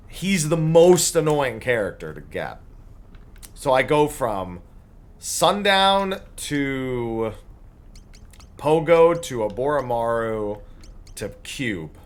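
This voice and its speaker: A man streaming a video game, thinking aloud about his plans, swearing freely and laughing at the game. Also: mid-range voice. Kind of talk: casual live game commentary.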